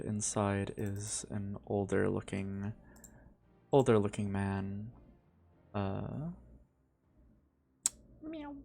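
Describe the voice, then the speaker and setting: A man narrating as game master of a tabletop game on a live stream, relaxed and thinking aloud. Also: lowish voice, creaky.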